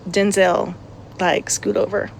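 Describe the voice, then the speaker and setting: Chatty mother laughing through a slow vlog. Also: mid-range voice, little pitch movement, creaky, background noise. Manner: chatty, laughs often, sarcastic asides. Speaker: vlogger and mother. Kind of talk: casual chat.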